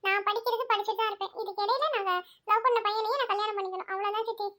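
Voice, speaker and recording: A woman voicing a frank, defensive young college student who talks rapidly and insistently in an audio story. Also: very high-pitched, fairly even intonation, pushed and bright. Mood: pleading.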